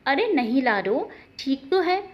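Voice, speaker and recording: A woman's voice: high voice, sing-song, measured pace, lo-fi sound. A woman voicing a sixty-five-year-old grandmother who soothes and teases her granddaughter. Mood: affectionate. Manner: soothing, affectionate. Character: elderly grandmother, tender and teasing.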